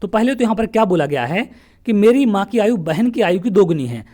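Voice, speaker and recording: This math teacher from central India has a mellow, mid-range voice that is very animated and slightly fast. In an exam-prep session on past paper questions, he solves each problem step by step, asking questions and immediately answering them.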